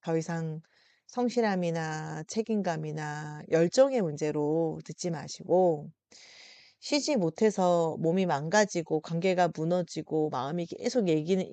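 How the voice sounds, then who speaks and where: A woman presenting a psychology talk, speaking gently and consolingly to her listeners, with slow pauses. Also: low-pitched, clean tone, no echo. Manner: addresses listeners directly and warmly. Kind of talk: reflective explanatory talk to viewers.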